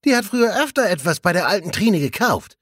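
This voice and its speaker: An excitable inspector, voiced by a man, pushed high with a husky, lively swing. He frets and splutters in indignation, in a close storybook reading. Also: brisk, no echo, full character voice. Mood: fretful. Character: male police inspector, excitable, fond of his mother.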